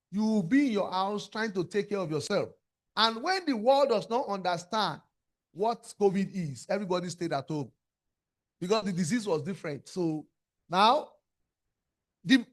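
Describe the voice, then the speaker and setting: A man giving an academic lecture, asking rhetorical questions and repeating words as he searches for the next one. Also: high voice. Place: lecture room.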